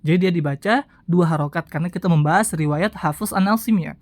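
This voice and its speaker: A woman teaching correct Quran recitation, who explains gently, adds a soft "ya" and repeats phrases slowly to demonstrate. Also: fairly low pitch, no room sound. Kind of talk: tajwid lesson with slow demonstrations.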